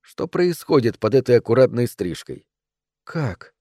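A man reading a novel aloud in a calm, measured way. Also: lowish voice, no room sound, clean studio sound. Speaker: audiobook narrator.

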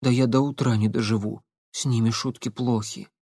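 A man voicing a frightened, evasive teenage boy who shouts his denials in a high, strained voice. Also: fairly even intonation, moderate pace, slightly rough, dry recording, studio quality. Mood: hushed fearful.

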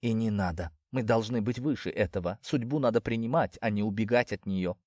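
A man voicing an indignant, sharp-tongued female cat who talks in a clipped way. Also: on the low side, brisk, no room sound, clean studio sound, lightly acted. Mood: reasoning.

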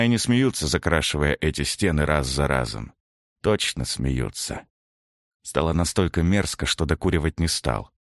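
A man's voice: deep voice, dry recording, studio quality. A man giving a grim first-person narration of a gritty story. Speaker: audiobook narrator.

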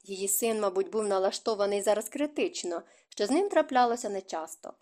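A woman narrating an audiobook in a measured, even storytelling voice. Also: mid-range voice. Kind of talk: scripted narration.

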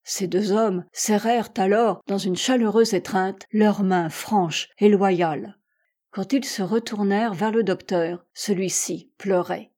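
A woman narrating a classic adventure novel in a measured, expressive storytelling voice. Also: medium pitch. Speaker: audiobook reader. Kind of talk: scripted narration.

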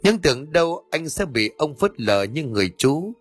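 Husky male audiobook narrator. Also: a little high, moderate pace, no echo, soft background music. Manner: steady storytelling. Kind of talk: scripted story narration.

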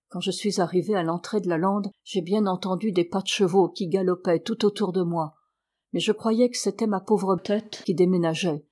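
A woman's voice: mid-range voice, mellow, close to an everyday voice. A woman reading the part of a frightened, feverish old male servant with a trembling, quavering voice.

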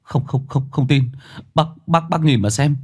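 A man's voice: on the high side, a little slow, slightly rough, pitched above the performer's own voice. Man doing frantic village neighbors. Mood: agitated. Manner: urgent, excited calling. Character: anxious village neighbors, men and women. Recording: faint music behind.

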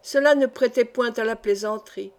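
A woman reading a historical novel aloud in a measured, solemn narration. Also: fairly high pitch. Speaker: audiobook reader. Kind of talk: scripted narration.

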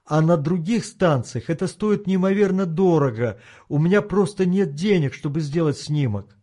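A man's voice: on the high side, expressive, mellow. A man doing a flustered, pleading old man. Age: older. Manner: hurried, apologetic pleading.

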